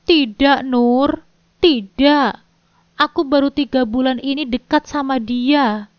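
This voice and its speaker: A woman's voice: sits high, slow pace, no echo. A woman voicing a guilty husband who answers in a hesitant, stammering way. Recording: dull dry lo-fi recording.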